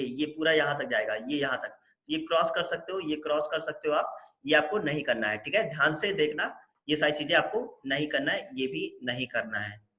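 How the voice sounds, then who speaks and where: A male teacher with an Indian accent talks students through a syllabus, repeating his instructions again and again. His voice is bright and somewhat high. The room around him is echoey. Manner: instructive, repetitive directions, mixes Hindi with English terms. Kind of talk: online syllabus walkthrough lesson.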